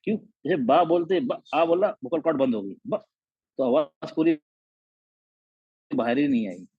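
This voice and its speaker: A man's voice: a little high, lively intonation, normal speed, breathy edge, no room sound, narrow, tinny audio. A man teaching Quran recitation rules, explaining throat anatomy and sounding out letters and vowels to demonstrate, often checking in with his listeners. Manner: checks in often with "okay?" and "theek hai?". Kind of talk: classroom explanation with drawn diagrams.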